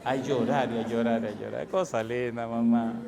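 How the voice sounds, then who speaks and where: A middle-aged man, preaching a sermon as pastor and building to loud rhetorical questions. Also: mid-range voice, fairly even intonation, moderate pace, gravelly, a crowd in the background. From Dominican Republic.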